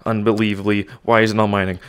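A man's voice: lowish voice, flat delivery, fast, fairly bright tone, smooth. A young man commentating his own VR gameplay, out of breath, narrating every move and muttering to himself. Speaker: gaming YouTuber. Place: home room with desk.

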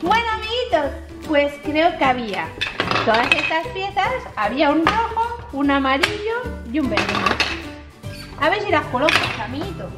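High, bright sing-song woman from kids' toy videos, Spain Spanish. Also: big pitch swings, normal speed. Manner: bright sing-song, exclamatory, squeaky cutesy delivery. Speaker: host of a children's toy video channel. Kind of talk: playful toy play narration for children. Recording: music behind the voice.

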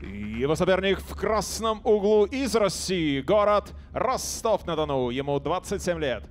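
A man's voice: high voice, big pitch swings, measured pace, slight background noise. A man working as a ring announcer, giving formal fight introductions like a fighting game announcer, stretching out names. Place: boxing ring in an indoor arena.

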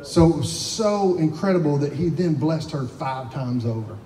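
A man, a pastor telling a lively testimony story to his church, laughing often as he talks. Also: on the high side, moderate pace, slight background noise. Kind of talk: sermon testimony. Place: church sanctuary. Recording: echoey hall, from far off.

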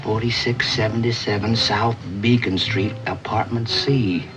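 A middle-aged American actor playing a self-important, laid-back beatnik club owner who jive-talks in rambling hipster slang in a 1950s TV drama. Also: male voice, lowish voice, steady tone, a little slow, close to an everyday voice. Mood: confiding. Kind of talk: 1950s television drama acting. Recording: dull vintage TV soundtrack, music behind.

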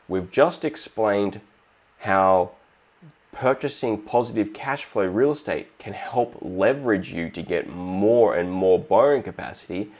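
An Australian man with a somewhat low voice walks through a money topic in a steady, explanatory monologue. He now and then slips into short acted exchanges to make his point. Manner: steady explanatory, acts out little dialogues. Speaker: finance video host.

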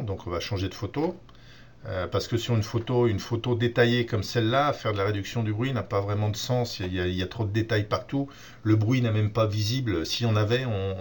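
A man giving a relaxed software tutorial on photo editing, explaining step by step with many fillers and restarts. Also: on the low side, slight background noise. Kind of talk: screen-recorded software tutorial.

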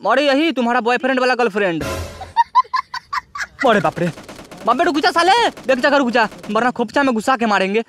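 A man's voice: very high voice, lively intonation, a little fast, long pauses, over music. A young man doing crude, joking gameplay commentary. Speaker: gaming commentator. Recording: game audio with loud gunfire.

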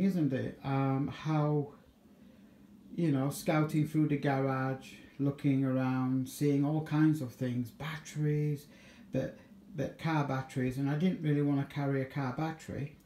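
A man with a fairly high, dark voice and a slight hiss or hum gives a loose, unscripted demo in his home kitchen, filmed on a handheld phone. He's an amateur radio hobbyist who vlogs, and he rambles hesitantly, correcting himself along the way. The room is echoey.

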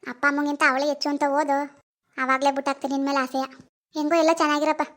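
A woman's voice: sits high, flat delivery, fairly bright tone. A woman voicing an angry middle-aged village mother who scolds her son with insults in a cartoon. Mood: furious scolding. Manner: scolding, insulting, rapid-fire rebukes. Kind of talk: cartoon voice acting.

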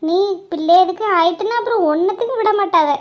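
A woman's voice: very high voice, fast talker. A woman voicing a bossy, fussing middle-aged mother who scolds her family. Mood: fretful. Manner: scolding, chiding. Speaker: voice artist playing a mother.

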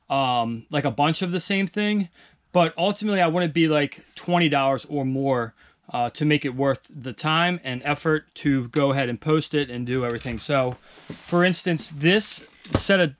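Male vlogger, slightly high voice, casual rambling walkthrough, basement stockroom. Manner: loose, rambling, many fillers. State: out of breath. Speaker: online reseller vlogger. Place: home basement storage room.

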